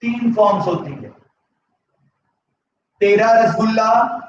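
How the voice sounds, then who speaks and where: A man speaks slowly in a high pitch while teaching economics in a live online class. His throat is sore, he blends English terms into what he says, and he asks the students yes-or-no questions. The recording is echoey, distant and slightly dull.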